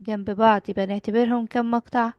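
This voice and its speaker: A woman's voice: on the high side, steady tone, fast talker, no room sound, muffled recording. Patient Egyptian woman teaching a child. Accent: Egyptian Arabic. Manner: patient, asks questions and repeats answers back. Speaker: English teacher. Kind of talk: children's language lesson.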